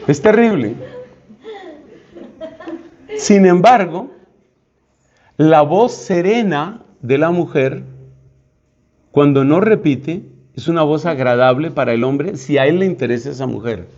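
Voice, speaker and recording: A man's voice: on the high side, a little slow, a little mellow. A man, a priest, giving a conversational, humorous retreat teaching. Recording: dull lo-fi sound.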